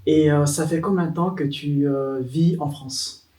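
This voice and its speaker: A man hosts an interview, asking questions in a friendly, halting way with many fillers. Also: fairly high pitch, fairly even intonation, mellow, roomy sound, recorded from a distance. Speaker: interviewer, channel host. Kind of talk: casual interview.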